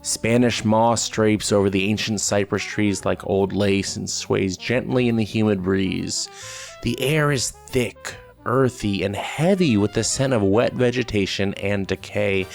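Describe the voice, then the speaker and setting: Man, gravelly voice, dramatic measured narration, faint music underneath. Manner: dramatic, measured storyteller with sudden pitch leaps. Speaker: game master. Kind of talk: scripted narration.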